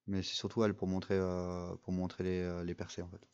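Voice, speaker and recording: A man's voice: low-pitched, monotone, a little fast, a little mellow, smooth, muffled recording. A young man giving casual, rambling commentary over a mobile game, full of fillers and restarts. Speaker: gaming video creator.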